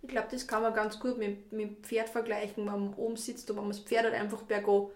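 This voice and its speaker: A woman's voice: medium pitch, little pitch movement, quick pace, roomy sound. A woman interviewing a guest, chatting in dialect with short affirmations and her own opinions. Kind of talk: casual conversational interview.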